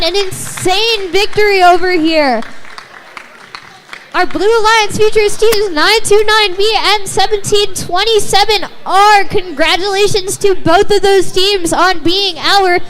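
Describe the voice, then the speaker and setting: Woman announcer at a school robotics match, super high voice, slow and playful delivery. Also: fairly bright tone. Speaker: tournament emcee. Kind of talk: live event commentary. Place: school gym at a robotics tournament.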